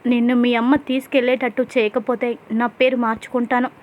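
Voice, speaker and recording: A woman voicing a determined young wife who makes a slow, emphatic promise to a child. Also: on the high side, level tone, natural voice. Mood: resolute. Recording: dull lo-fi sound.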